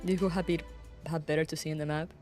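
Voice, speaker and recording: A woman's voice: sits low, fairly even intonation, fast, a little mellow, soft background music. A woman giving casual, rambling commentary as she plays through a video game. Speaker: game streamer. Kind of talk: casual playthrough commentary, reading dialogue aloud.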